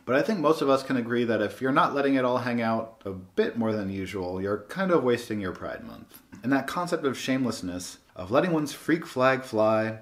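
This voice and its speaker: A man hosting a book channel, giving a scripted monologue in a wry, sardonic way. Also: mid-range voice. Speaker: booktube host.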